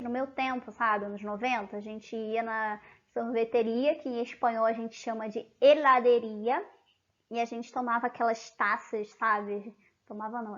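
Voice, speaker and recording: Chatty Brazilian woman teacher, high voice. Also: fairly bright tone, dull audio. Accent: Brazilian Portuguese. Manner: chatty, asks "tá?" often. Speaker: language teacher. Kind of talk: online grammar lesson.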